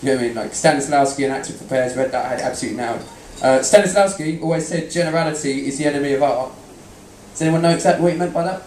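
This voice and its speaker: A young man tells a stand-up story in a chatty way and keeps turning to banter with the audience. His voice sits somewhat high for a man. He is heard from a distance in a roomy venue, with a faint murmur behind him. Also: steady tone, racing, hardly any pauses, darkish tone, a little hiss or hum. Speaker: stand-up comedian. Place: comedy venue in front of an audience.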